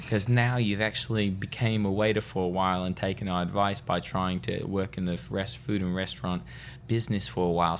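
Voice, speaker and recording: A man's voice: low-pitched, a little hiss or hum, lightly acted. A man playing a mock psychic who reads a listener's mind, speaking theatrically in a put-on mixed accent. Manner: theatrical, playful.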